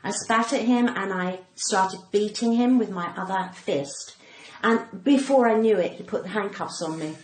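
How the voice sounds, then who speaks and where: Speaking at normal speed with hardly any pauses, this mid-range voice belongs to an older English comedian and actor with a cut-glass, well-spoken accent. As an interview guest on a podcast, she recounts candid stories, theatrically performing quoted speech, with roomy echo and faint background noise.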